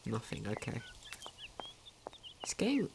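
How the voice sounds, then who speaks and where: A gravelly man with a mid-range voice speaks slowly, his pitch swinging wildly, over video game music and a little background noise. He's a gaming commentator doing casual let's play narration, thinking aloud, repeating phrases and questioning himself.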